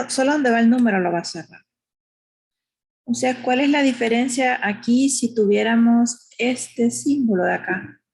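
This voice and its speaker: Female math teacher, husky voice, patient, explanatory classroom delivery. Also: medium pitch. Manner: patient, explanatory, uses diminutives, asks "¿verdad?". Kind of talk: recorded math lesson.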